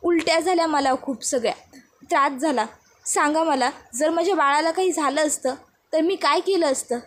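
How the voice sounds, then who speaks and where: A woman's voice: sits high, normal speed, natural voice. A woman voicing a scheming young woman who complains in a self-pitying way. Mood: complaining.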